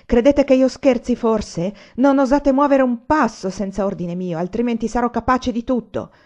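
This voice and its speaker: A woman voicing a proud young man who shouts orders in fury. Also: mid-range voice, fairly even intonation, normal speed, natural voice. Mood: furious. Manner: shouting, commanding. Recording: dull lo-fi recording.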